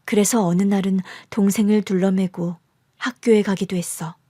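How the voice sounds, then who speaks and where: Woman voicing a middle-aged mom quietly telling her old life story, soft and confiding, radio drama. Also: medium pitch, fairly even intonation, moderate pace, no echo, studio quality, close to an everyday voice. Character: middle-aged birth mother telling her hard past.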